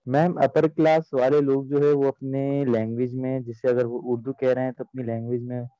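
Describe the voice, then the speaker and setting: A young man answers his lecturer in an online class, polite and a little hesitant, with a mellow, mid-pitched voice. He explains his points plainly, with a few fillers. The audio is dry and slightly muffled, as on a video call. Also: flat delivery, brisk, no echo. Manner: polite, addresses teacher as ma'am, hesitant fillers. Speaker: student.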